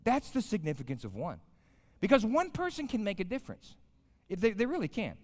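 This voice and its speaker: Pitch swooping wildly from a high-sitting voice, this American guest pastor in his fifties talks fairly quickly through an informal, story-filled sermon. He keeps it down-home and colloquial, asking the congregation questions. Long reverb fills the large live chapel.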